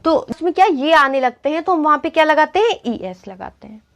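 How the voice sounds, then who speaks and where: A young woman teaches spelling rules in a classroom-style English lesson, her high-pitched voice brisk and lively in intonation. She frequently poses a question and then answers it herself.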